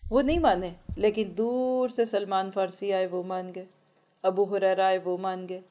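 A woman giving a Quran lesson to women, explaining earnestly with rhetorical questions and slowing right down to recite verses. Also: mid-range voice, fairly even intonation, warm tone. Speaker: Quran teacher. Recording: dull lo-fi recording.

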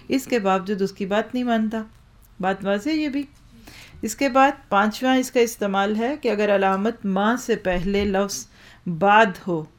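A woman teaching a religious lesson on Quranic Arabic grammar, explaining step by step, asking the class questions and reciting verses slowly. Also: medium pitch.

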